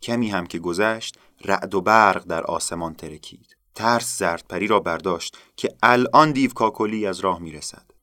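A man calmly narrating a folktale as storyteller, in an unhurried telling. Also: low voice, no echo, clean studio sound.

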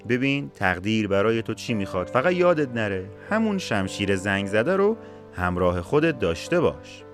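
A man voicing a loving, gentle mother in a spoken folk tale. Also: lowish voice, sing-song, music in the background. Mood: tender. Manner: tender, advising.

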